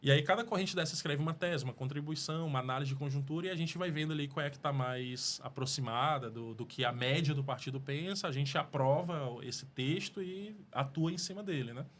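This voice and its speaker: A man's voice: fairly high pitch, a little fast, hardly any pauses. A man with a Cearense accent, a political guest in a studio interview, talking earnestly and rambling with restarts. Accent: Cearense Portuguese. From Fortaleza, Brazil. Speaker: mayoral pre-candidate guest. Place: podcast studio.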